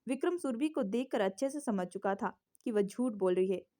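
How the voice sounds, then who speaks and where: A woman storyteller giving a scripted narration of a romance story in a steady, even reading. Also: fairly high pitch, moderate pace.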